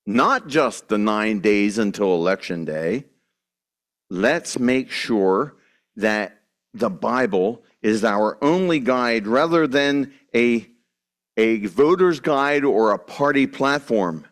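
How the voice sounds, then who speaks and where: A man preaching a sermon to his congregation, earnest and emphatic, with restarts and asides. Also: medium pitch. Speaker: pastor.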